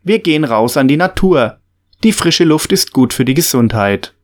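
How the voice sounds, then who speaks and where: A man's voice: fairly high pitch, lively intonation, moderate pace, pitched above the performer's own voice, natural voice. A man reading a storybook, voicing a friendly father who explains nature to his children in a patient, slightly raised voice. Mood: cheerful.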